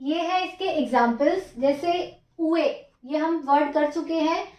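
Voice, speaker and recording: A woman walks through a writing lesson stroke by stroke, counting each one aloud and repeating each step patiently. Her voice sits high and unhurried. The recording is dull and echoey, like a small home room. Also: darkish tone. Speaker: Japanese teacher.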